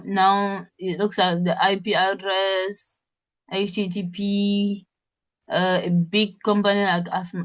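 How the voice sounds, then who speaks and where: A woman instructor running an interactive workshop, spelling out web addresses and often checking in with her audience. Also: medium pitch.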